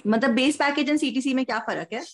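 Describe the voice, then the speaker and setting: A woman's voice: high voice, very fast, slight background noise. A woman, casually interviewing students over a video call. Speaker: interviewer from a coaching school. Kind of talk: casual interview mixing short questions and reactions. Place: small room at home, indoors. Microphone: video call, device at arm's length.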